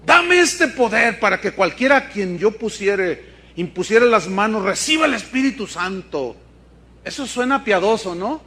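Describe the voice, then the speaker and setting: Male preacher, sermon, high voice, bright forceful tone, lively asides. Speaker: pastor.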